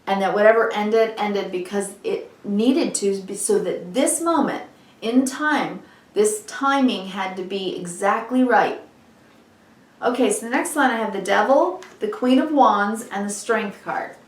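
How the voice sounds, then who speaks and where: A woman's voice: medium pitch, unhurried. A woman giving an unscripted mystical horoscope tarot reading, earnest and reassuring, speaking directly to the listener, with a slightly froggy throat. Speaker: tarot reader. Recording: roomy echo, distant microphone.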